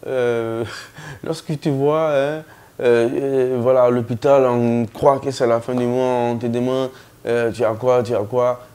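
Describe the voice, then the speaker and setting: Slow, hesitant male storyteller. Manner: animated, laughing, high-pitched put-on voices for quoted people; slow, hesitant delivery with many fillers. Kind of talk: comic storytelling.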